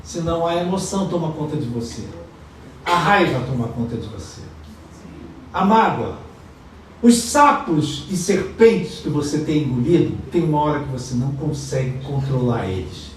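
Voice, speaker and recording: A Brazilian pastor with a high, light man's voice delivers a lively sermon, dropping to quiet asides and then bursting into loud acted-out quotes. He is picked up from a distance in a very echoey church hall. A faint room hum sits under his voice. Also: moderate pace. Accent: Brazilian Portuguese. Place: church sanctuary.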